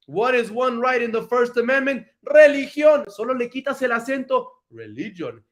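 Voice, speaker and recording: A man with a strikingly high voice teaches a citizenship class. He talks in a lively, chatty way and repeats key words over and over for his learners. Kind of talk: energetic online lesson.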